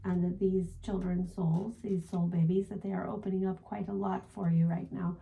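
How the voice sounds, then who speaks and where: A woman channeling a gentle male spirit guide as a seance medium, speaking formally and ending phrases with a questioning "yes?". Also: lowish voice, level tone, normal speed, vocal fry, low-quality recording. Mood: gentle, assured. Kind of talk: spiritual guidance in trance channeling session.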